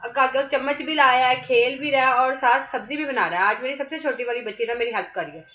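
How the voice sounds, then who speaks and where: A woman's voice: high-pitched, fast talker, sharp tone. A middle-aged woman, a mother and vlogger, chatting casually as she talks through her household chores. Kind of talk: casual running commentary.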